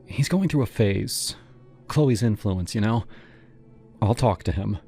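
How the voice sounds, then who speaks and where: A man's voice: fairly low pitch, lively intonation, unhurried, vocal fry, warm tone, faint music behind. A man voicing a tired, apologetic middle-aged woman who works as a nurse, speaking in a pleading way. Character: weary soft-spoken middle-aged woman, nurse and mother.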